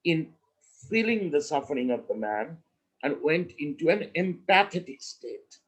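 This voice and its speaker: High-voiced man teaching slowly. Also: sing-song, breathy edge, low-quality recording. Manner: slow and measured, with emphatic pauses. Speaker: spiritual teacher. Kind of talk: spoken teaching with storytelling.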